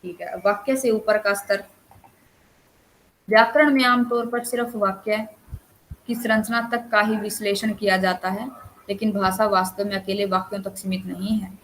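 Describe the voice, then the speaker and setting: A woman's voice: mid-range voice, steady tone, moderate pace, fairly bright tone, poor audio. Woman explaining a lesson, faint hiss. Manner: explanatory, reads out short example sentences. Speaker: counsellor teaching Hindi language. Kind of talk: online lecture.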